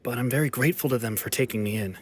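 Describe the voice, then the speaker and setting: An actor playing a nervous, polite, apologetic fugitive in a video game, humble and hesitant. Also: male voice, medium pitch, racing, slightly rough, lightly acted. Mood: grateful, uncertain.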